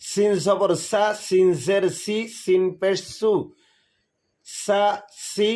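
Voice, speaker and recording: A man teaching Quran reading, slowly reciting drills of letters and their vowel sounds. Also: high voice, level tone, darkish tone. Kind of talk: slow recited lesson.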